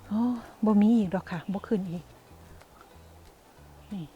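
A woman's voice: mid-range voice, fairly even intonation, takes it slowly, narrow, tinny audio, soft background music. A woman with an Isan accent, chatting casually to her viewers as she vlogs outdoors in the countryside. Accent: Isan (Northeastern Thai). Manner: chatty, addresses viewers as "brothers and sisters". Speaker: vlogger.

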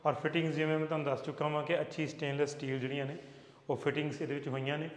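A middle-aged real estate agent from Punjab, India, gives a rapid-fire walking tour of a bare new house, explaining it steadily and mixing English words into his speech. His slightly high voice keeps a level pitch. Echoes from the empty rooms linger around his lapel-mic sound.

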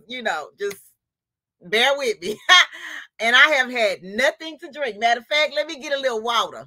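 A woman with a bright, fairly high voice hosts a casual sewing livestream. She greets viewers by name in a chatty, scattered way, laughing often and calling each one queen. The sound is close and dry, with no room echo. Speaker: livestream host of a sewing channel.

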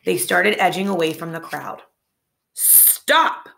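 A woman reading a children's chapter book aloud, with lively, light character voices. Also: on the low side, measured pace, a little hiss or hum. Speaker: storybook reader.

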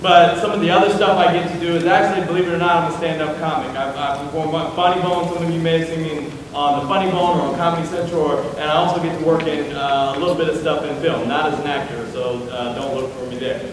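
Lively joking man in an echoey hall. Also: fairly high pitch, a crowd in the background. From Columbus, Ohio. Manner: lively and joking, with quick asides and fillers. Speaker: keynote speaker. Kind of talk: energetic motivational keynote. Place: large auditorium stage. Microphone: far camera, no microphone. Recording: echoey hall recorded from far off.

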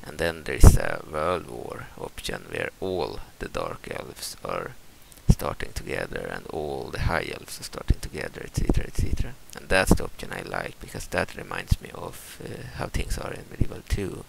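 An extremely low, gravelly voice with a sing-song lilt belongs to a young Swedish gaming channel host with a Swedish accent. He moves at a moderate pace with few pauses, though his casual game mod walkthrough is still hesitant and full of fillers and restarts. There's a lot of noise in the recording.

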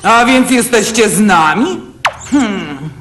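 A woman's voice: mid-range voice, animated, takes it slowly, fairly bright tone. A woman voicing a suspicious, bullying henchwoman in a cartoon dub. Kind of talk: animated cartoon dub acting. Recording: echoey room, clear music bed.

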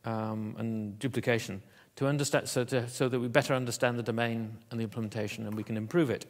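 In a conference auditorium, a man gives the keynote in a medium-pitched voice whose intonation stays fairly level. His delivery is hesitant, peppered with fillers and false starts.

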